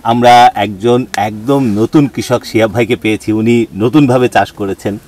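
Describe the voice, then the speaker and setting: A man's voice: lowish voice, normal speed. A man hosting a farming report outdoors in a village field, interviewing farmers under a gourd trellis. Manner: animated presenter, asks short questions. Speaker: agricultural show host.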